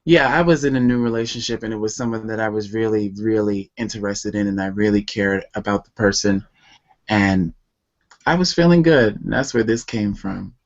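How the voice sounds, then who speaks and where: A man with a fairly low voice, recorded with a muffled sound, speaks at a moderate pace. He is a guest poet who reads his love poems slowly, with emotional intensity and tenderness, then answers interview questions about where they came from.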